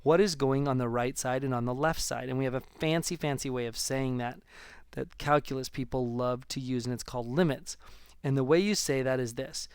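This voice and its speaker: Upbeat male math teacher, smooth voice. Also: mid-range voice, fairly quick, no room sound. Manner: chatty, jokey, talks straight to students. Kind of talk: recorded video lesson over a graph.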